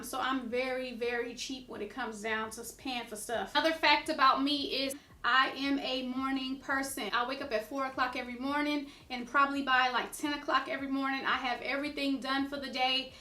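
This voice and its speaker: A woman's voice: high-pitched, fairly even intonation, brisk, pushed and bright, reverberant. A middle-aged American woman vlogging, chatting casually to the camera with lots of "you know" and "like". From United States.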